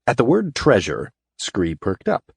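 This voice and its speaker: A man narrating a fantasy audiobook with expressive storytelling. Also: lowish voice, unhurried, creaky, breathy edge, dry recording, clean studio sound. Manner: expressive storytelling, voices the hero's lines too.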